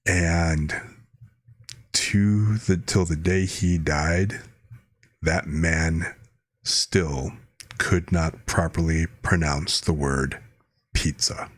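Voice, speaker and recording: A man's voice: low-pitched, steady tone, drawn-out words, no room sound, studio quality. A man from the United States, a streamer, chatting casually and telling rambling anecdotes. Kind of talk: casual chat.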